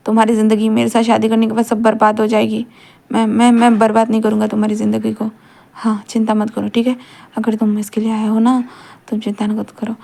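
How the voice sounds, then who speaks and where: A woman voicing a withdrawn, depressed young man who talks softly and hesitantly, repeating himself. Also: fairly high pitch, vocal fry.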